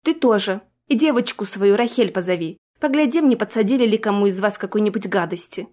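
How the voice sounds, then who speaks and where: A woman voicing a small, brisk female healer who gives orders with dry irony. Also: mid-range voice, expressive, darkish tone, natural voice.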